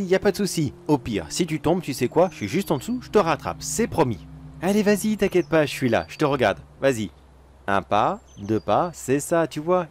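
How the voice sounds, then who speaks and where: A man's voice: mid-range voice, darkish tone, slight background noise. A man telling an acted first-person horror story in a coaxing, wheedling voice that turns sinister.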